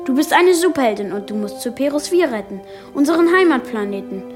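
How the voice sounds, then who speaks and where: Nervous, high-voiced boy superhero, rambling and stammering, for a kids' radio play. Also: lively intonation, over music. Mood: explaining. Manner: stammering, talks fast and rambles when nervous.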